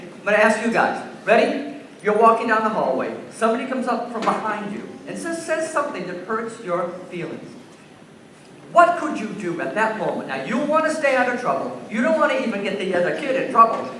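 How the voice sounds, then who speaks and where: A man presents a school assembly to young children, telling a story, asking the kids questions and taking their answers. His high voice swings widely in pitch, runs a little fast and sounds sharp. A far-off camera in a large gym captures heavy reverb and slight background noise.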